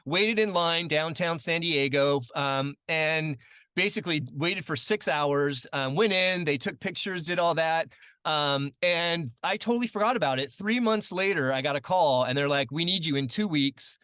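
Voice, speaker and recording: A man in his late forties, a guest in a casual interview, telling stories in a chatty way with lots of fillers and lively quoted voices. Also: on the high side, moderate pace, clear, resonant tone, dry recording, clean studio sound. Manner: chatty, many fillers, animated when quoting.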